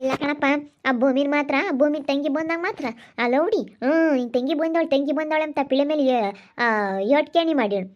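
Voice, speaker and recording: A woman playing a quarrelsome, sharp-tongued village woman in an amateur skit. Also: sits high, close to an everyday voice. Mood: aggrieved. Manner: scolding, rapid back-and-forth bickering. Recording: dull lo-fi audio.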